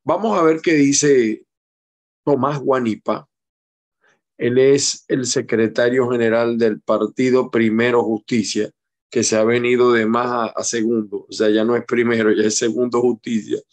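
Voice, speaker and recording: A middle-aged man comments on politics in an unhurried, wandering way, with dry, wry asides. His voice sits at an ordinary middle pitch. He takes his time between thoughts. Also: steady tone, darkish tone. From Venezuela. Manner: slow, digressive, wry asides. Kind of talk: commentary on a news clip.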